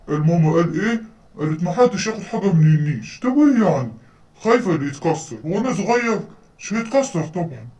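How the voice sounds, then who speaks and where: A woman's voice: sits low, mellow, recorded from a distance. A woman voicing a young male teddy bear who stammers and frets, with an Egyptian Arabic accent, heard from a little off the mic. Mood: excited. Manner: stammering, fretful.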